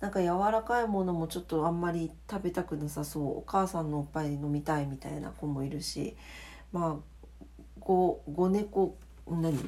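A woman's voice: sits low, a little fast, darkish tone. A woman hosting a casual late-night solo audio diary, speaking in a polite, chatty, self-deprecating way. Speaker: solo audio diary host, radio-DJ style greeting.

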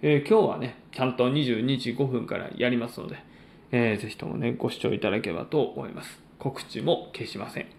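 A man hosting a solo podcast, chatting in polite, formal announcer-like phrasing with frequent pauses. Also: mid-range voice, creaky, darkish tone, echoey room. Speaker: podcast host and stand-up comedian.

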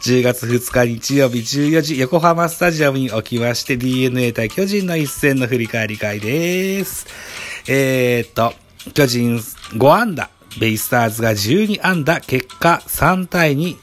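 Casting: man to host a baseball recap, very polite and formal in announcer style, medium pitch, light music bed. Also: expressive, measured pace. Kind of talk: baseball game review commentary.

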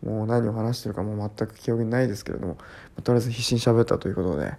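A man's voice: fairly low pitch, very fast, creaky, dark tone. A sleepy man hosting his own talk show, telling a rambling, repetitive story full of sound words in a casual solo chat. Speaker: podcast host.

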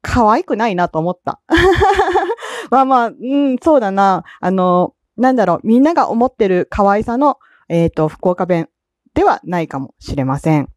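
Chatty Osaka woman, lively voice. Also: medium pitch, normal speed, no room sound, studio quality. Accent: Osaka Kansai. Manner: chatty, laughs often, many fillers. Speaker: podcast host. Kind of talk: casual solo podcast talk.

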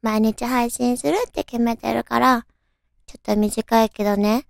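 A young woman with a cute, girlish anime-style voice gone hoarse, hosting a casual solo radio talk in a cutesy, chatty way. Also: a little high, flat delivery, measured pace, no room sound, studio quality. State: hoarse, raspy from overuse.

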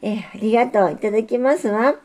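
A woman's voice: a little high, steady tone, brisk, a little mellow, voice pushed up, natural voice. A woman voicing a shy, modest young female railway signal in a storybook reading, speaking politely and demurely. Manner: demure, polite, self-deprecating.

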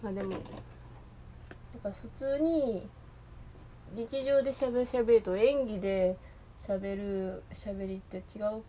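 A woman's voice: medium pitch, fairly even intonation, takes it slowly, pauses often, warm tone, a little hiss or hum. A woman with an Osaka Kansai accent, chatting alone in a rambling, hesitant way, full of fillers and restarts. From Osaka, Japan. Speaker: podcast host. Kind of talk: casual solo chat.

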